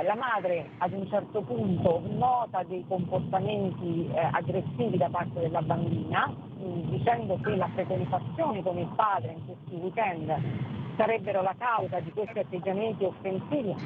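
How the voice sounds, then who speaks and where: A woman lawyer calling in while traveling, explaining a case in a measured, hesitant way, over a low-quality phone stream. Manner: measured, hesitant with frequent fillers. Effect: low-quality phone stream from a traveling caller. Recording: tinny phone line with faint noise.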